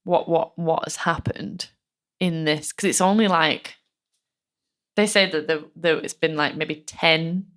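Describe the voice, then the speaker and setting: A woman co-hosting a true-crime podcast chats through the case with many fillers, dramatizing the quotes as she goes. She speaks a little slowly, with a low, slightly bright voice and fairly even intonation.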